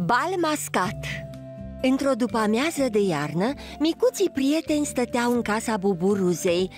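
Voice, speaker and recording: Animated woman storyteller, high, lively voice, faint music under it. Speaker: narrator. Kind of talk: children's storybook narration.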